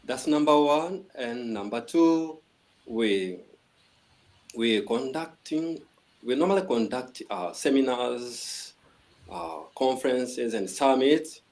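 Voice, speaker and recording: Formal male guest from Tanzania, mid-pitch, stops and restarts often. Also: slow pace, a little mellow. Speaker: guest, organization vice president. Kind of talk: formal presentation on a video call. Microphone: video call.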